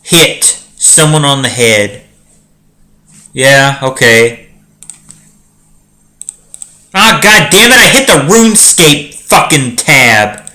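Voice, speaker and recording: A man's voice: a little high, animated, slow, long pauses, bright, forceful tone. A young man reading a dense book aloud and ranting about it with constant swearing and exasperation. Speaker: reader. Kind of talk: comedic profane reading commentary.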